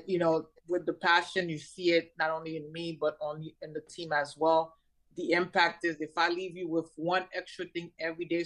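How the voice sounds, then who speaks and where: In a conversational interview, a Haitian cybersecurity founder in her forties chats warmly and eagerly about her career, laughing a lot and filling pauses often. Her voice is low, and the recording quality is poor.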